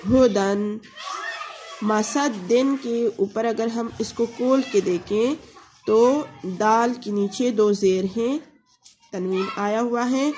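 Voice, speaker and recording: A woman's voice: on the high side, a little mellow, slight background noise. A woman teaching a Quran recitation lesson, patiently spelling out letters and vowel marks and drawing out example words.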